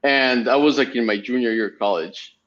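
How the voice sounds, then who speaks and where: A man's voice: mid-range voice, a little fast, a bit bright. A man in his twenties from Spain, a podcast guest telling his story casually with many fillers. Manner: rambling storytelling with frequent fillers. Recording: slightly dull lo-fi audio.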